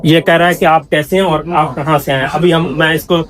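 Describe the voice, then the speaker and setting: A young man vlogging casually from inside an indoor trade center, pitching gadgets with eager, salesman-like enthusiasm. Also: steady tone, fairly quick, a bit bright. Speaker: travel vlogger. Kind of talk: casual promotional walkthrough.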